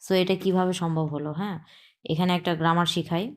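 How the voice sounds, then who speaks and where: A woman's voice: lowish voice, little pitch movement, fast talker, darkish tone. A woman with a Bangladeshi Bengali accent teaching an online language lesson, patiently explaining step by step and repeating sounds for practice.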